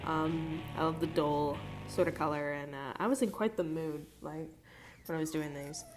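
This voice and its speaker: Her low voice sounds stuffy and nasal, like she has a cold, as this young art vlogger chats through a rambling voice-over packed with fillers and cursing. She keeps a steady tone and moderate pace, recorded on a phone over faint music.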